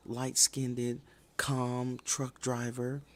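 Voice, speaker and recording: Guy putting on an exasperated sitcom lady griping about men, gravelly and dramatic. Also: medium pitch, completely flat delivery, drawn-out words, slight background noise, voice pushed up.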